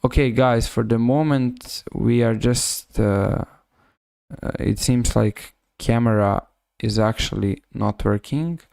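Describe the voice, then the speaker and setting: A Serbian-accented man commentates on chess during a live stream, speaking haltingly and often rephrasing. His mid-range voice is creaky with a darkish tone, recorded at studio quality with no echo.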